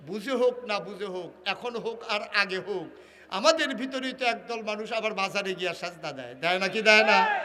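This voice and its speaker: A man delivers a fiery religious sermon. His voice sits high and cuts with a bright, forceful edge. He moves between melodic chanting and impassioned shouting through a stage mic at a big outdoor gathering. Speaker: Islamic preacher. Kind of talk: Bengali waz sermon.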